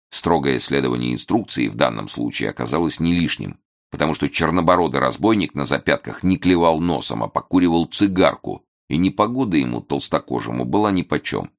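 A man reads a novel aloud as audiobook narration. His voice is extremely deep and gravelly, with lots of fry. He tells the story in an even, measured way.

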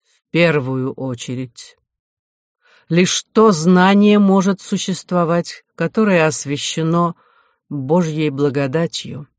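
A reader voicing a stern, scheming older medieval bishop who talks slowly and quietly in an audiobook. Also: medium pitch, dry recording, clean studio sound, close to an everyday voice. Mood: stern, cold. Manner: slow, measured, quiet.

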